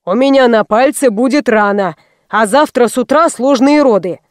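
A woman reading an audiobook voices a fussy, ceremonious old male obstetrician who speaks slowly and formally. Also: a little high, dry recording, clean studio sound, lightly acted. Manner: slow, formal and courtly.

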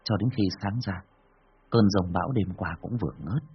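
A man narrating a ghost story in a dramatic, animated storytelling manner. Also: fairly low pitch, moderate pace, slightly rough, highs cut off.

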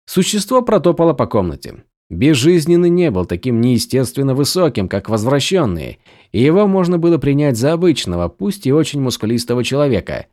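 Brief: male audiobook narrator, expressive fantasy reading, dry close mic. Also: mid-range voice, brisk, no room sound.

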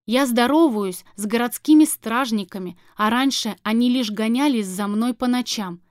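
A woman's voice: a little high, normal speed, no echo, clean studio sound, close to an everyday voice. A woman reading as a fierce defiant young woman. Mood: emotional. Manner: sarcastic and heated, swearing. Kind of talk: audiobook character reading.

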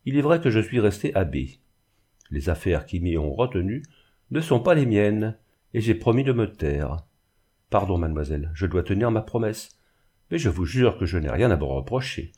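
A man's voice: on the low side, sing-song, moderate pace, mellow, slightly rough. A man reading the lines of a proud, frightened young woman in an audiobook. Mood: distressed. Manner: trembling, indignant.

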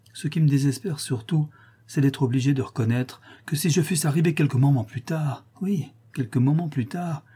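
A man's voice: medium pitch, dark tone, breathy edge, natural voice. A man reading aloud, voicing a jealous, furious young countess with an imperious, scolding manner.

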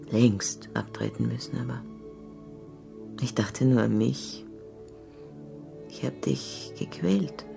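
An actress in a radio play voicing a weary older woman who is remorseful, speaking in a hushed, broken way and often whispering. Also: extremely low pitch, gravelly, full character voice. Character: weary older woman, remorseful, letting her young lover go.

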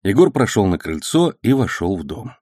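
A man narrating a novel in a measured storytelling manner. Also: lowish voice, sing-song, dark tone, husky, no room sound, clean studio sound. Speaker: audiobook narrator. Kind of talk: audiobook reading.

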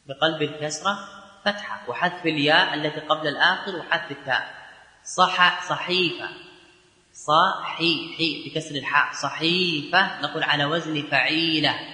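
A man teaching a grammar lesson, explaining rules step by step and drawing out example words slowly. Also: a little high, pushed and bright, reverberant, long reverb tail. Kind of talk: classroom lecture.

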